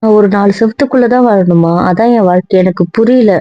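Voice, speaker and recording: A woman's voice: mid-range voice, fairly quick, no echo, dull audio, natural voice. A woman playing a stern young wife who is fed up and scolding firmly. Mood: pleading. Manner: firm, scolding, clipped. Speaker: angry wife in audio drama. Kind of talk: Tamil audio drama acting.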